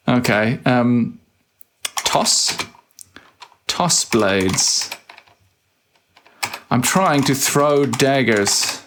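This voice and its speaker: A man's voice: mid-range voice, background noise. A man hosting a let's play, playfully muttering his typed game commands aloud in casual commentary.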